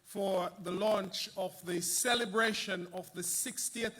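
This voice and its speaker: Bright-voiced man emceeing an event. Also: high voice, fairly even intonation, unhurried. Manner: announcing names and titles. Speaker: master of ceremonies. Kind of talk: formal event announcing. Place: church hall.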